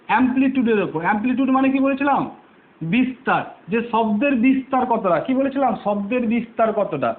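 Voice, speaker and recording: A male teacher explaining physics step by step, asking the class questions and answering them himself, repeating the key terms. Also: very high-pitched. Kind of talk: online physics lesson. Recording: tinny phone-like audio.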